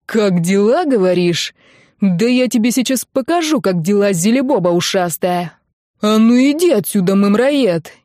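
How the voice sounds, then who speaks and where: A woman voicing a hot-tempered middle-aged father who bellows and splutters in a hoarse voice, as an audiobook character. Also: mid-range voice, animated, a little slow, darkish tone, no echo, studio quality, lightly acted. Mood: enraged.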